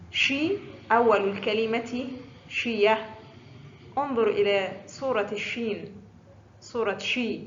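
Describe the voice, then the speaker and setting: Slow, careful woman teaching Arabic letters. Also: on the high side, a bit bright. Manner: deliberate, drawn-out syllables repeated for learners. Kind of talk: slow scripted letter-pronunciation lesson. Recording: dull lo-fi audio.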